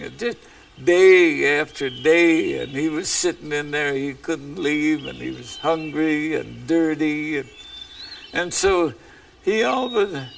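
A man telling an animal folk tale aloud in a slow, rambling way, often repeating words. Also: a little high, vocal fry, a bit bright, far from the mic, a little hiss or hum. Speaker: storyteller.

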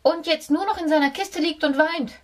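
Woman doing a squeaky stammering mouse. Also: moderate pace, close to an everyday voice. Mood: frightened stammer. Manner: stammering, trembling. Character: small timid stammering female mouse. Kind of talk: audiobook character voice.

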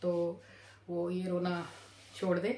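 A woman's voice: lowish voice, monotone, slow, mellow, slight background noise. A middle-aged woman vlogger telling a family story to camera in a chatty way, repeating her phrases and acting out her relatives' lines. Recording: echoey room.

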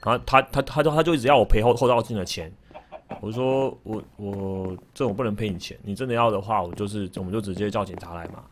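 A man's voice: on the low side, fast talker, slight background noise. A man with a Taiwanese Mandarin accent chatting on a game livestream, telling stories with lots of stammered repeats and joking with his chat. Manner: animated storytelling with frequent stammered repeats; jokes with the chat. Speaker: game streamer. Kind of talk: casual livestream chat while gaming.

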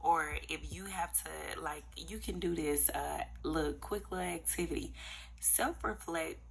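A young woman with a low-pitched voice full of vocal fry shares casual faith encouragement. She speaks earnestly and conversationally, repeating words for emphasis, and her tone has a bright, forward edge. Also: a little hiss or hum, poor audio. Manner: conversational, earnest, emphatic repetition, addresses listeners as y'all. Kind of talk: casual devotional encouragement vlog.

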